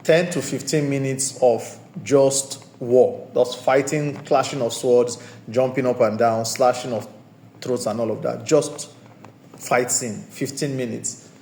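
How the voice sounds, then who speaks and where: A man's voice: mid-range voice, steady tone, unhurried, a little mellow, a little hiss or hum. A man giving a casual, discursive spoken movie review as the host of his own channel, often circling back to restate his points. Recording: roomy echoey room sound.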